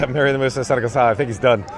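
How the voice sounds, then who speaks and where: Out at a parade, a man with a gravelly voice chats on a casual livestream, rattling off viewer comments rapid-fire at medium pitch. His delivery is a deadpan, self-mocking monotone, captured by the camera rig he holds, with music and crowd noise in the background.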